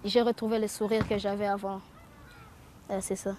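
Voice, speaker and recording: A young woman and newcomer student, speaking calmly and reflectively in a documentary interview. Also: medium pitch, normal speed, slight background noise.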